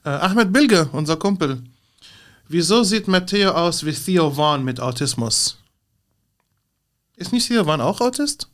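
A man's voice: a little high, lively intonation, unhurried, pauses often, a bit bright. A young man, a stand-up comedian, chatting casually and teasing his co-host, with hesitant fillers. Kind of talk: casual podcast chat.

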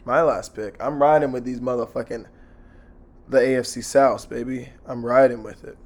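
A hoarse man hosting a casual sports betting podcast by himself, talking in a blunt, slangy, sweary way. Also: medium pitch, fairly even intonation, moderate pace.

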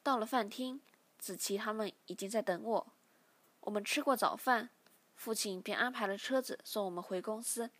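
A woman narrating a novel in a steady, plain storytelling manner. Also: mid-range voice, normal speed. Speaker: audiobook reader.

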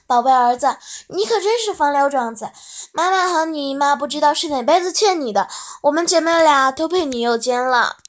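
A woman reading the lines of an affectionate, teasing middle-aged mother in a soft, coaxing way. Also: high voice, expressive, a little fast.

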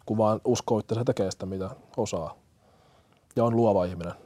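Earnest young man, low dry voice. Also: warm tone, no room sound. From Kenya. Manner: earnest, hesitant, many fillers and restarts. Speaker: firefighter-paramedic. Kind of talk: interview answers.

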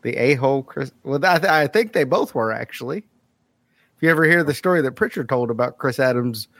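A man co-hosting a casual podcast, throwing in quick jokey quips. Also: mid-range voice, expressive, fairly bright tone, dry recording. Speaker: podcast co-host.

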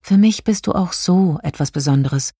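A woman voicing a curious, kind young fairy princess in a children's story, in a lively, slightly raised voice. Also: fairly low pitch, moderate pace, breathy edge, dry recording, studio quality, voice pushed up. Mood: gentle. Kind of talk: audiobook character voice.

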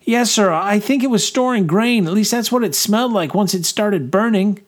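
A man voicing a soot-stained young corporal who reports crisply and eagerly to his commander. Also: high-pitched, moderate pace, pitched above the performer's own voice, natural voice. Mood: eager, urgent. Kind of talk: audiobook character voice.

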